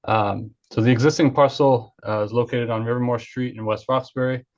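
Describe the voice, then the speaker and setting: A man's voice: medium pitch, steady tone, a little fast, darkish tone. A man, an engineer, giving a formal project presentation at a public hearing over an online video call. He speaks hesitantly, with many "uh" fillers. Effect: heard over an online video call. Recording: dull lo-fi call audio.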